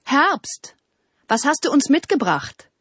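A woman voicing a chorus of eager, complaining talking trees in a storybook, with a high, pleading, childlike tone. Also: lively intonation, normal speed, darkish tone, husky, dry recording.

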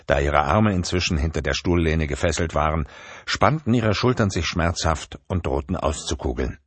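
Deep husky male narrator, tense dramatic thriller reading. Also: lively intonation, normal speed, no room sound. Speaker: audiobook narrator.

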